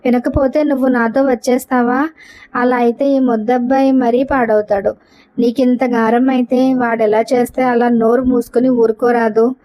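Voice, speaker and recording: A woman's voice: fairly high pitch, flat delivery, normal speed, warm tone, lightly acted. A woman voicing a blunt, teasing older brother in a storybook reading. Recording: dull lo-fi recording.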